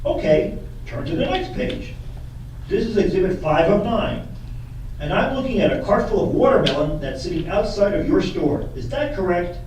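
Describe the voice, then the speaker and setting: In a puppet courtroom re-enactment, a man plays a persistent attorney reading questions from a transcript, pressing methodically with leading questions. His voice sits high and expressive at a moderate pace, heard from far off in an echoey room with faint noise.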